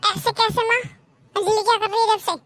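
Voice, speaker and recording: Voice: very high-pitched, little pitch movement, brisk, a bit bright, no room sound. A voice actor playing a stern young husband in a cartoon, sounding bossy. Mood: puzzled. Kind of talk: cartoon voice acting.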